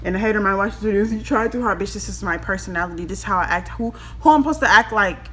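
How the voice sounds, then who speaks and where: Giggly, tipsy young woman, bright voice. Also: medium pitch, rapid-fire, a little hiss or hum. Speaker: vlogger giving a makeup tutorial. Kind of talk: casual chat to camera. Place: small room at home, indoors.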